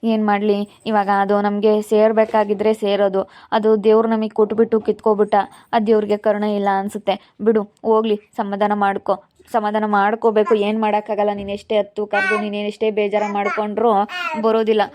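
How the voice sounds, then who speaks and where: A woman voicing a young husband in an amateur family drama skit, repeatedly begging his grieving wife to calm down. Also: medium pitch, brisk, natural voice. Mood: resigned. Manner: soothing, repeats pleas to calm down.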